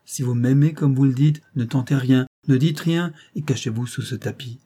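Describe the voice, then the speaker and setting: Male reader as a fierce, sad young gondola girl, low-key, dark and husky. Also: moderate pace, close to an everyday voice. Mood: urgent. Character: proud young Venetian boatwoman, fierce and melancholy.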